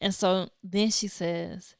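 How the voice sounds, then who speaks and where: A woman podcaster telling a personal faith story, acting out her own reactions in lively, animated storytelling. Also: mid-range voice, takes it slowly, dry recording, clean studio sound. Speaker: podcaster and videographer. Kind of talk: personal testimony vlog.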